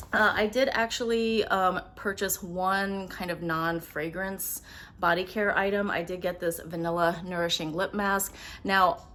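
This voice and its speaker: A woman doing a casual product haul vlog at home, chatty and upfront, talking quickly to the camera. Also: fairly low pitch, sharp tone. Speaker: beauty vlogger. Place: at home with windows open. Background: faint household noise, dog walking around.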